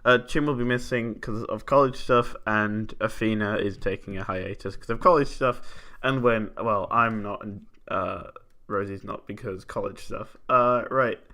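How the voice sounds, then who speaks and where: Bright-voiced man running a tabletop game. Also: on the low side, steady tone, measured pace. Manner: chatty, laughs easily. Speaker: game master.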